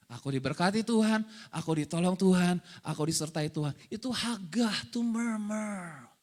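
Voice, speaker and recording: A man preaching a lively, joking sermon as pastor, often asking the congregation questions. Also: high voice.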